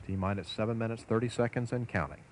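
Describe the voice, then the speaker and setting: Low-voiced male launch commentator. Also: a little mellow. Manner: measured, formal. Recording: faint background noise.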